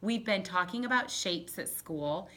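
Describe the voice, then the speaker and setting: A woman teacher giving a home lesson to young children. She reads aloud slowly in a sing-song way and gives bright, encouraging step-by-step directions. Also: mid-range voice, expressive. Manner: slow, sing-song read-aloud with drawn-out words.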